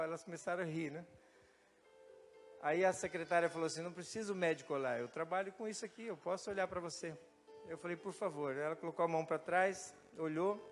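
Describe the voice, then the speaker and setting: A man with a Brazilian accent preaching a sermon, telling a personal story and acting out the dialogue. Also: on the high side. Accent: Brazilian Portuguese. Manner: animated storytelling, acts out dialogue. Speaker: pastor. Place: church. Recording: church hall reverb with faint music.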